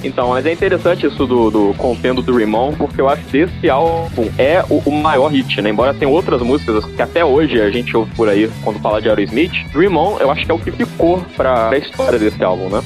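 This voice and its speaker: A man's voice: mid-range voice, animated, brisk, hardly any pauses. A Brazilian man hosting a casual podcast from his bathroom at home, speaking informally with slang and repeated words. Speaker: podcast host. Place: recording inside a bathroom at home. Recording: home bathroom recording, music behind. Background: music.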